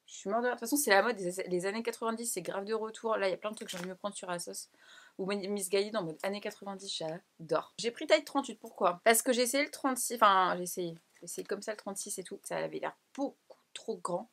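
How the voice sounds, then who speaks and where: A young woman talks through her clothing haul in a loose, chatty vlog voice. She jumps between excited exclamations and quieter asides, laughing often. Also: mid-range voice, quick pace. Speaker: fashion vlogger. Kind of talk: casual haul vlog chat.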